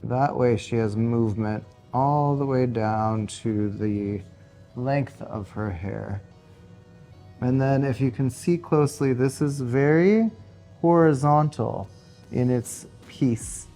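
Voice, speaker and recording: A man narrates a hair and makeup tutorial at an unhurried pace, walking through each cut and angle in calm detail. His pitch sits in an ordinary middle range. Soft music plays faintly behind him. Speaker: hairstylist and makeup artist.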